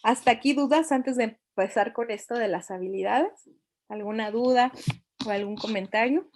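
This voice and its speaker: A woman's voice: on the high side, moderate pace, a little mellow, a little hiss or hum. A middle-aged woman, giving a reflective talk to parents and asking them many questions.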